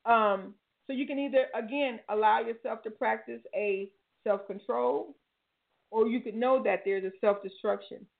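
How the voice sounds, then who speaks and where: An older woman with a fairly high, creaky voice hosts a talk show as a life coach, offering preachy, folksy motivational advice and repeating her key phrases. She speaks at a normal pace over a tinny, phone-like line.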